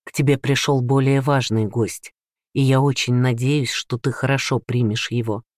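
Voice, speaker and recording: A man voicing a calm male doctor who speaks in a measured, reassuring way. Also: mid-range voice, no echo, studio quality, lightly acted.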